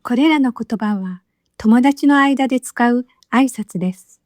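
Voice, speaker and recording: A woman teaching as a language teacher, narrating a scripted lesson with clear, patient explanations. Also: a little high, unhurried, darkish tone, dry recording, clean studio sound. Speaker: Japanese teacher.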